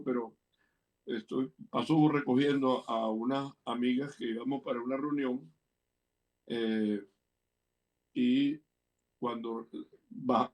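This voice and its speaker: A man's voice: mid-range voice, recorded from a distance. An older man with a Venezuelan accent, a guest telling personal anecdotes in a playful way, acting out the voices of the people in his stories. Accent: Venezuelan Spanish. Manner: playful storyteller, acts out quoted voices. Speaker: guest, interviewer's father. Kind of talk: anecdotal storytelling.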